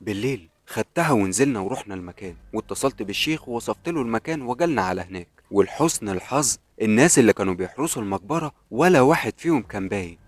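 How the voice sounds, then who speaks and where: Fast husky Egyptian storyteller. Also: male voice, fairly low pitch, lively intonation, dry recording. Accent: Egyptian Arabic. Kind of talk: scripted horror story narration.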